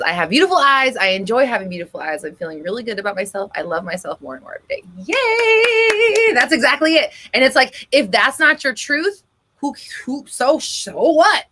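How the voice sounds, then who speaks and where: A woman runs a casual live-stream Q&A, reading viewers' comments aloud and answering them. She's chatty and blunt with a sharp tone, swears freely, and often breaks into gasps and high laughs.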